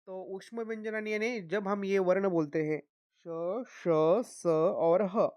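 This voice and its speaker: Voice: mid-range voice, no echo. Patient teacher, dry close sound. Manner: patient, repeats each sound slowly, checks in often with "okay, right?". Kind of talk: explanatory lesson.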